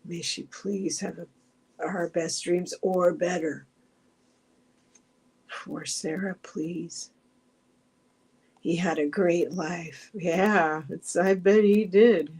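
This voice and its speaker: This middle-aged woman speaks very slowly with long pauses as she hosts a meditation livestream, her fairly low, slightly rough voice holding a steady tone. She chats casually, reads viewer comments, and drifts between thoughts with restarts and soft asides.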